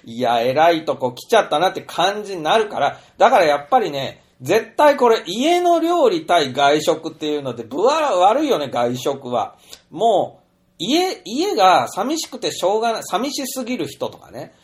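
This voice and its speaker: A man's voice: high voice, normal speed. A middle-aged man telling an anecdote in a chatty, rambling monologue full of fillers. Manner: chatty storyteller, animated, many fillers. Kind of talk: casual monologue.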